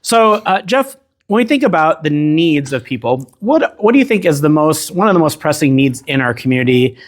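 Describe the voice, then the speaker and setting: A man's voice: a little high, sing-song, fairly quick. A man hosting a casual interview, asking rambling, conversational questions and often chiming in to agree. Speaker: interview host.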